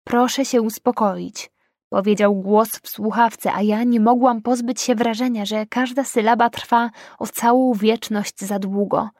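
Female audiobook narrator, first person, emotional and tense, fairly high voice, dry booth sound. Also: fairly even intonation, a little slow, hardly any pauses, a little mellow, dry recording.

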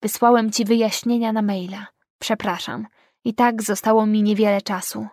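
A woman voicing a desperate young man who sends quiet apologetic messages, in an audiobook. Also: medium pitch, steady tone, normal speed, no echo, clean studio sound, natural voice. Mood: subdued.

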